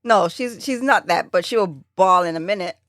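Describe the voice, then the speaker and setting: A woman from Jamaica telling a family story in casual podcast chat, acting out quotes with sudden high jumps in her voice. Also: moderate pace, fairly bright tone, no echo, clean studio sound. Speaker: podcast co-host.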